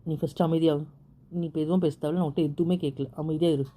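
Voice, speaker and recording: A woman doing a calm, pleading older brother. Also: low-pitched, fast talker. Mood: coaxing. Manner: soothing, pleading, keeps repeating calm down. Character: protective older brother, calm peacemaker, male. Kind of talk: amateur audio drama.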